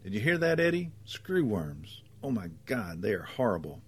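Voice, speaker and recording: A man voicing an irritable, sick young mother who complains and turns shrill when she shouts. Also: big pitch swings, normal speed, husky. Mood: complaining.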